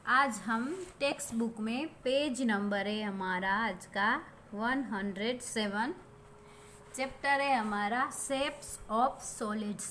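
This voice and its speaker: A woman teaching young children, speaking with an Indian English accent in a slightly high voice. She talks very slowly and patiently, spelling each word out letter by letter and asking the class questions. A faint background hiss runs under the recording. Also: fairly bright tone. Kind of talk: online primary school lesson.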